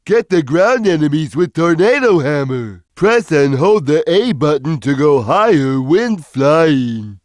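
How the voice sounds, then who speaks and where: Big friendly dim-witted game cat: very slow, simple, childlike delivery with lively swings in pitch. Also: male voice, no echo. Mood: slow, instructive. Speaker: video game character. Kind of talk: video game voice lines.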